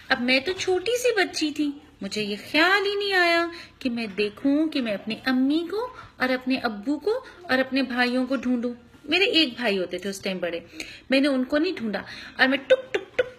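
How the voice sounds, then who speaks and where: A woman, a mother, telling a story to her young children in an animated way, acting out sounds and asking them questions. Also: high-pitched.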